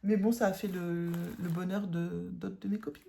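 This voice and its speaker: A tired woman with a northern French accent chats through her cross-stitch haul in a loose, rambling way, full of fillers and restarts. Her voice is gravelly, with a dark, mellow tone. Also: fairly low pitch, fairly even intonation, normal speed, a little hiss or hum. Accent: northern French, Ch'ti. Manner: chatty, rambling with many fillers and self-corrections. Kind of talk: casual haul chat.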